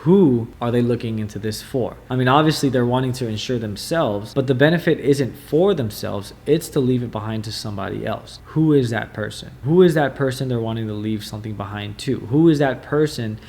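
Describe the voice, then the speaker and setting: A man giving casual, emphatic sales coaching to the camera, with quick asides and acted-out client questions. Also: mid-range voice, darkish tone. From United States. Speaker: sales trainer.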